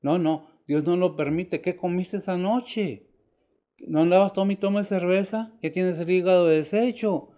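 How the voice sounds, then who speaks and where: An older man preaching a sermon, asking rhetorical questions and swinging from emphatic rises to quiet drops. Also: high-pitched, measured pace. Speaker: pastor.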